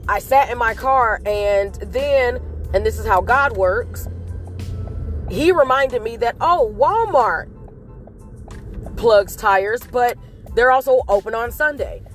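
Woman, fairly high voice, earnest motivational vlog talk, animated storytelling, soft music underneath. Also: slow, long pauses. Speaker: motivational vlogger.

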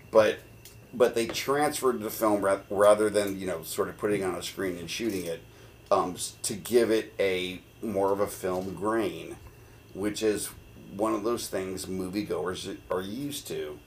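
A lower-pitched man talking on a podcast, stopping and restarting as he works out what he means. Faint noise sits behind his voice. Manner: halting, self-correcting explanations. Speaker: podcast co-host. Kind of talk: casual chat.

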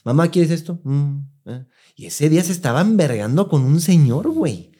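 A man's voice: on the high side, very animated, normal speed, dark tone, husky. Mexican man, young, casual podcast storyteller, slangy, acts out voices. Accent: Mexican Spanish. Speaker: podcast co-host.

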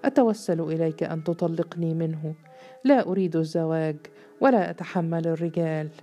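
A bold, earnest young woman pleading her case before a judge, as a woman narrator voices her. The voice sits low and mellow, with faint music underneath. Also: brisk.

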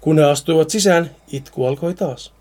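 A man's voice: a little high, darkish tone. A man reading a Finnish horror story aloud, now and then stumbling and repeating words.

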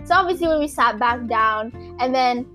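A young woman with a Filipino accent telling a story in a casual chat, animated and acting out what other people said. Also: on the high side, moderate pace, soft background music. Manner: animated, acts out quoted people, many fillers.

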